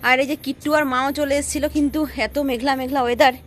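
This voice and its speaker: A woman's voice: sits high, fairly even intonation, fast talker, a little hiss or hum. A woman with a West Bengal Bengali accent, chatting homely to viewers while filming her family home on a handheld phone. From West Bengal, India. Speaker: family vlogger. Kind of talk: casual vlog narration. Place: family home, indoors and on a rooftop.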